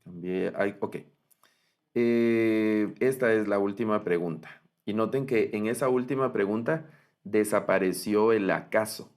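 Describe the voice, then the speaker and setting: A man's voice: lowish voice, a little mellow. A man teaching a Biblical Hebrew class, explaining patiently and often checking with "¿verdad?". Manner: explanatory, repeats points, frequent "¿verdad?" checks; reads out Hebrew phrases slowly and with emphasis. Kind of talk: online lecture with screen sharing.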